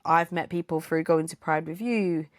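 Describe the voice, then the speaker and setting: Low-voiced woman co-hosting, hesitant. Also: moderate pace, dry recording. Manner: hesitant, many fillers and restarts. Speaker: podcast co-host. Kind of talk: casual chat.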